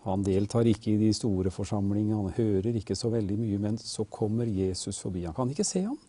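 A man's voice: lowish voice, fairly even intonation, mellow, husky, no room sound. A male host leading a Bible discussion, reflective and leading the conversation.

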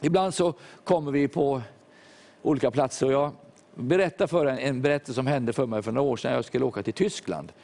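A man's voice: medium pitch, creaky, a little mellow. Older man preaching a sermon. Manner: storytelling, acts out quoted voices. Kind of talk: sermon testimony.

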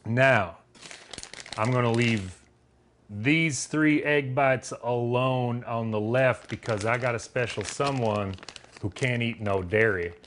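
A man's voice: mid-range voice, takes it slowly, a bit bright, a little hiss or hum. A man with a Southern accent casually demonstrating a recipe in his kitchen, talking in a folksy, rambling way with loose grammar and plenty of filler words. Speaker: home cook demonstrating a recipe.

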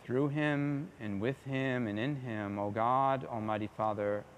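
A man leads liturgical prayer as a priest at Mass. His delivery is solemn and measured, in short phrases with pauses, at a medium pitch. Clear ambient noise of the church sits behind him. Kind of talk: liturgical prayer recited aloud. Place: church during a Sunday Mass.

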